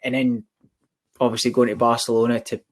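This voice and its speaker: A man's voice: medium pitch, level tone, fairly quick. Scottish man in casual, sweary chat. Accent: Scottish, from Glasgow area. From Scotland. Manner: informal, sweary.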